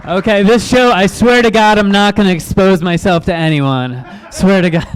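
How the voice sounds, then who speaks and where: A man from Illinois doing stand-up comedy on a club stage, telling self-deprecating jokes in a deadpan way. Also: high-pitched, normal speed. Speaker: guest comedian.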